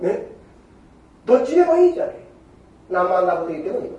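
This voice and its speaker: An older man with a giving a Buddhist sermon in an animated storytelling manner, acting out quoted exchanges. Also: high-pitched, quick pace, dull audio. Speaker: Buddhist preacher. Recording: echoey hall from far off.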